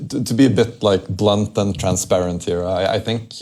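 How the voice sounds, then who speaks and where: A man's voice: lowish voice, fairly even intonation, normal speed, a little mellow. A man from Norway, a product executive, answering interview questions in a hesitant, conversational way with many fillers, at a trade fair. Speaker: chief product officer, guest. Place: trade fair booth area.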